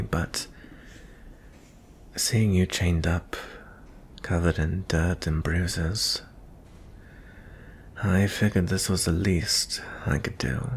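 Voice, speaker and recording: In a fantasy ASMR roleplay, a man fully voices a gentle, weary young prince, speaking softly and intimately. His breathy, husky voice sits low with a slight hiss or hum. He sounds gently concerned, talking slowly and in a hush with frequent pauses.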